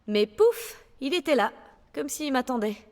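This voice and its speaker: A woman's voice: high-pitched, animated, a little slow, darkish tone. An actress playing a playful, bookish young female sorceress in a French video game dub, talking with a teasing lilt.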